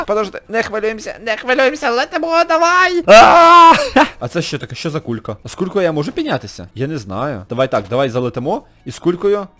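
A man hosting a gaming channel, giving chatty let's-play commentary, excitable, laughing often and yelping in high squeals. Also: fast talker.

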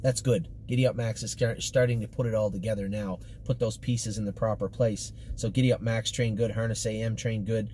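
Talking a little fast with few pauses, a middle-aged man delivers horse updates from inside his car in choppy, offhand phrases. His voice is fairly low, dark, and fairly even in intonation, picked up by a camera or phone at arm's length amid clear car noise.

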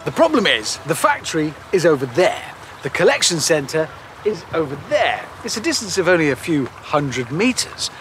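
A man's voice: a little high, normal speed, soft background music. An English man in his forties presenting on location at a factory, enthusiastic and playful. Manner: enthusiastic, playful, easily excited. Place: outdoors at a rail yard and inside a large factory hall.

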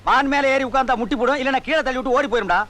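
An actor playing a quick-tempered fake village priest in a film comedy, scolding and insulting his disciple. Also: very high-pitched, bright, forceful tone. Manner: scolding, abusive.

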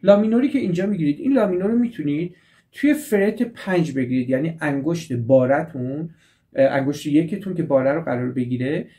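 Patient male guitar teacher, soft-toned. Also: a little high, lively intonation. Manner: patient, repeats and restates steps. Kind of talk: guitar lesson. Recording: guitar playing behind the voice.

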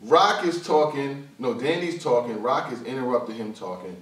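A man giving a casual, slangy vlog commentary on battle rap, animated and quick to slip into high-pitched mimicry. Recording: roomy echo, voice from a distance.

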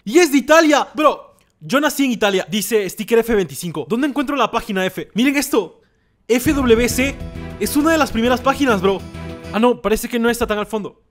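A young man streaming from a small room into a boom mic, sarcastic and hyper, swearing a lot and calling everyone bro. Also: expressive, brisk, music in the background. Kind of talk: comedic vlog. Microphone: desk boom mic.

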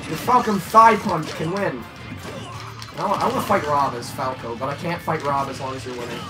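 A man's voice: on the high side, fairly quick. A young man bantering and ranting while playing a fighting game with friends. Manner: excitable, ranting, joking. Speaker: gamer. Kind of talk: casual gaming banter. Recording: game music behind voices.

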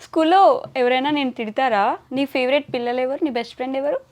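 Young woman interviewer, kinda high voice, chatty and teasing, laughs a lot. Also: quick pace. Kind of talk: playful casual interview.

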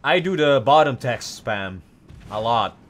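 A man's voice: medium pitch, expressive, unhurried. A man in his twenties chatting bluntly and wryly on a voice call. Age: 20s. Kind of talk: casual chat. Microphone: voice chat microphone.

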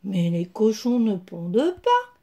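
A woman's voice: medium pitch, wildly swooping pitch, slow pace, dark tone, pitched below the performer's own voice, heavily acted. A woman voicing a kindly, sensible red hen who explains things patiently in a children's storybook. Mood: explaining.

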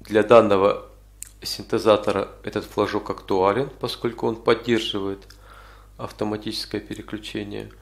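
A man with a lowish voice leads an informal software tutorial. He explains each step as he goes, pausing now and then to find the next word. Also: little pitch movement, vocal fry. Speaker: tutorial instructor. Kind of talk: informal spoken software walkthrough.

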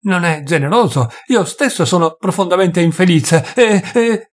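A man voicing an indignant, wealthy gentleman who hisses back in wounded anger, with a husky voice. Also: fairly high pitch, big pitch swings, normal speed, heavily acted.

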